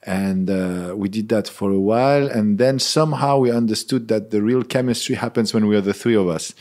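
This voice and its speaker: Talking fairly quickly in a low, darkish voice, this man in his thirties from Switzerland plays in a band and is being interviewed casually. He comes across as earnest, frequently hunting for words and starting sentences over.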